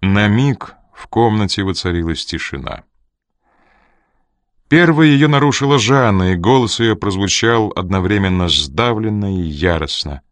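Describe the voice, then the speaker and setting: A man with a very low voice reads an audiobook in measured, scripted narration. The sound is dry and close, with no room around it. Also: animated, no room sound.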